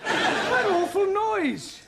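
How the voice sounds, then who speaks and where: An actor playing a polite, long-suffering English teacher with a British accent in a sitcom. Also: male voice, very high-pitched, animated, fairly quick, very noisy. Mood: exasperated. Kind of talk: sitcom acting before a studio audience.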